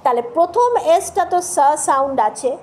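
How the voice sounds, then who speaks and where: A woman gives a spoken English pronunciation lesson, spelling words letter by letter, patiently repeating sounds, and often checking that listeners are keeping up. Her voice is high-pitched and animated with a darkish tone, at normal speed. Slight background noise is audible.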